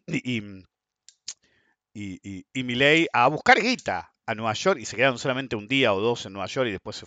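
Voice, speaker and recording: A man in his fifties speaks with a Rioplatense Argentine accent. He delivers a blunt, sarcastic podcast monologue, and his pitch swings widely as he mocks and scoffs. The recording is dry and close, with no room sound. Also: fairly bright tone, dry recording. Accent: Argentine Spanish (Rioplatense). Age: 50s. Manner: sarcastic, blunt, swears freely. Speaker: podcast host. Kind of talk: opinionated monologue.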